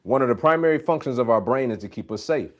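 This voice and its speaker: A man's voice: mid-range voice, lively intonation, fast talker. A man hosting a live Q&A, talking emphatically in a preacherly coaching style and repeating his key phrases. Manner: preacherly, faith-based coaching. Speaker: host. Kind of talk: live Q&A talk.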